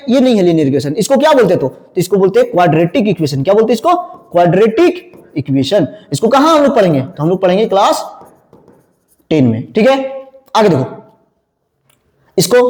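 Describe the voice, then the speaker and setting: A man teaching a math class, firing quick questions at his students and answering them himself. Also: sits high, darkish tone. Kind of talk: classroom lecture. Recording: echoey room with long reverb.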